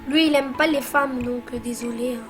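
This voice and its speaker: A high-pitched woman narrates her gameplay in a loose, chatty way. She teases and bosses her co-player as she goes, with faint music under her voice. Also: fairly even intonation, normal speed. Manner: chatty, bossy teasing. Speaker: let's play host. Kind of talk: casual gameplay commentary.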